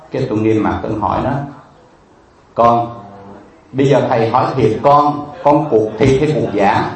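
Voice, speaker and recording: A Buddhist monk tells a story as a sermon, in a vivid and emotional way, with many repeated fillers. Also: male voice, mid-range voice, darkish tone. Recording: echoey room, distant mic, faint ambience.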